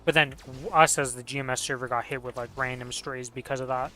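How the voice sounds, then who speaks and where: Guy streaming games, bright clear voice, rambling slangy chat, music behind him. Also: mid-range voice, fairly even intonation, quick pace. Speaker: game streamer. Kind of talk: casual gaming chat.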